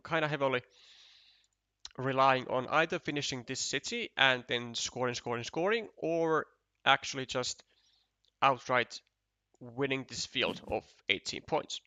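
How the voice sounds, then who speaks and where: Unhurried man commentating a board game. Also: medium pitch, sharp tone, smooth, dry recording. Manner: thinking aloud, counting tiles, many restarts. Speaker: esports commentator.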